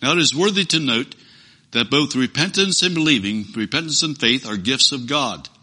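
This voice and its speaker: Male preacher, mid-pitched and piercingly bright, emphatic sermon delivery with repeated lines. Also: expressive, moderate pace. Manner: earnest, emphatic, with repeated phrases for stress.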